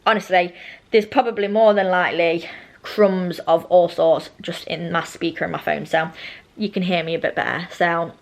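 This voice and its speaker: A woman's voice: lowish voice, fairly even intonation, normal speed, vocal fry. A young British woman chatting casually and ramblingly in a vlog, her speech slightly slushy from braces with elastic bands. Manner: rambling, self-interrupting, informal. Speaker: vlogger.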